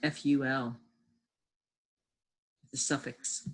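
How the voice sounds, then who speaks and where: A woman's voice: rumbling low, flat delivery, very slow, husky. A woman teacher giving a lesson from home, patiently sounding out words and encouraging her class.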